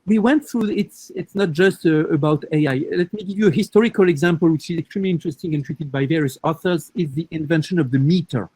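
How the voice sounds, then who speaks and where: A man's voice: on the high side, fast talker, hardly any pauses, darkish tone, breathy edge, no room sound, rough recording. Hesitant man answering on a panel. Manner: hesitant, restarts often, explains with examples.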